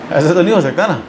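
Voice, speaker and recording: A man's voice: on the high side, reverberant, a little hiss or hum, poor audio. A man giving a religious lesson. He explains patiently and repeats phrases for emphasis. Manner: explanatory, mixes English terms into speech. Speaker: religious lecturer.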